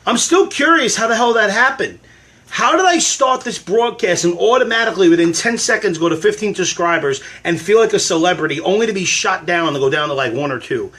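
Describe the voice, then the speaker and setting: Bright-voiced man chatting on a phone livestream. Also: sits high, expressive, a little fast. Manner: chatty, rambling, self-deprecating. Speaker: livestream host answering fan questions. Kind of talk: casual rambling livestream chat. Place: at home cooking eggs.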